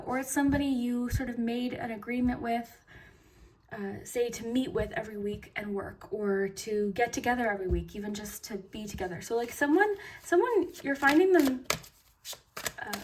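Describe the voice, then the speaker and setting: A woman's voice: high-pitched, distant mic, background noise. A woman doing a pick-a-card tarot reading, chatty, full of fillers and restarts, and losing her voice. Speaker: tarot reader.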